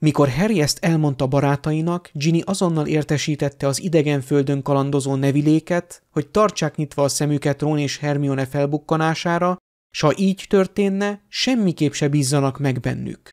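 A man narrating a fan-made audiobook chapter in a steady, even storytelling delivery. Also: a little high. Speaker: audiobook reader.

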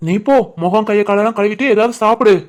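A woman with a Kanyakumari-Tirunelveli Tamil accent voicing a patient, easygoing young husband in an animated story, explaining things casually. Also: mid-range voice, quick pace, close to an everyday voice.

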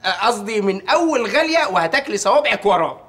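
A man's voice: high-pitched, very animated, fast, background noise. An actor playing a playful grown son who teases his mother while cooking, in a comedy series.

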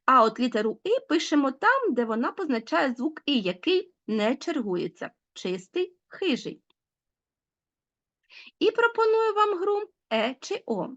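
A woman teacher giving a recorded school lesson, clearly and deliberately dictating example words to pupils. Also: on the high side, fairly bright tone, dull audio.

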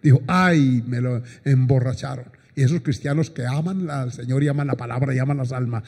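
A man's voice: medium pitch, fairly even intonation, fast, dark tone, breathy edge. A man preaching a sermon as a pastor, telling stories and breaking into praises. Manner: storytelling preacher, exclaims praises often. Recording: long church hall reverb.

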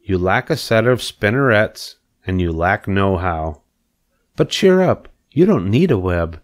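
Man voicing a measured, clever female storybook spider. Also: on the low side, very animated. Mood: gently advising. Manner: measured, instructive, matter-of-fact. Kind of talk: storybook character reading.

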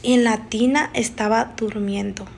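A woman's voice: fairly high pitch, fairly even intonation, gravelly, slightly rough. Woman telling a frightening story. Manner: halting, emotional, with frequent restarts and nervous laughs. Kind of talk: casual spoken storytelling.

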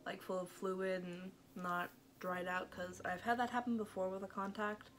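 A young woman narrating her vlog in an informal, low-key voice-over. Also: little pitch movement, normal speed, fairly bright tone, slight background noise. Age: young adult. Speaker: vlogger.

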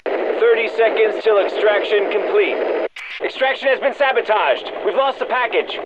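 A man's voice: high-pitched, normal speed, highs cut off. A man playing a terse, urgent military extraction pilot in a video game, clipped in manner, over a radio that is breaking up. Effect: radio filter, breaking up. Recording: crackly, noisy band-limited military radio.

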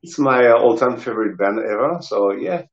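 A man's voice: medium pitch, expressive, moderate pace, vocal fry. A middle-aged man with a French accent, telling casual anecdotes hesitantly, searching for words. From south of France. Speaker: interview guest, rock guitarist and singer. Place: indoor room, video call. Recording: roomy, dull video-call sound.

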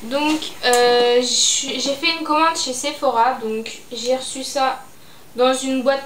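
Chatty young French woman, echoey room. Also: a little high. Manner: hesitant, many fillers. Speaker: beauty vlogger. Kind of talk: casual haul chat. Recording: echoey room, faint noise.

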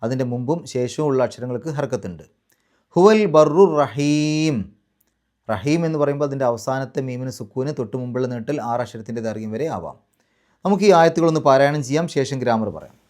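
A man teaching Quran recitation rules in a class, patiently repeating each rule step by step and drawing out the Arabic example words slowly. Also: mid-range voice, darkish tone.

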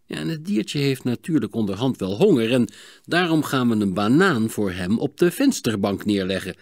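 A man reading an audiobook voices a patient, clever doctor in a raised, instructive tone with a lively voice. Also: medium pitch, normal speed, no room sound, studio quality. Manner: calm, instructive, raised and bright.

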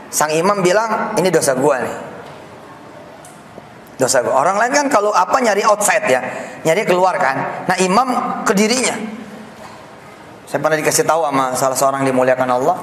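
A man preaching a lively sermon, joking with the congregation in casual slang in a mosque. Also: on the high side, slight background noise. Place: mosque hall. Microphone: speaker system. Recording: echoey mosque hall sound.

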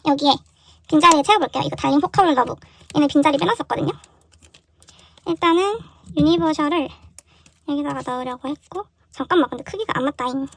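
A young woman vlogging casually while unboxing, excitable and full of surprised exclamations. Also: sits high, dry recording.

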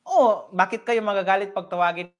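A woman's voice: medium pitch, fairly quick. A Filipina woman hosting a vlog interview, chatty and blunt, talking straight to her viewers. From Philippines. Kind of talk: casual interview chat.

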